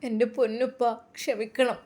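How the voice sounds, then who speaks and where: A tearful young bride speaks in a soft, high, pleading voice, as a woman storyteller puts her on. She sounds hushed and close to tears. It is a spoken Islamic story told by one narrator. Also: level tone, normal speed, lightly acted.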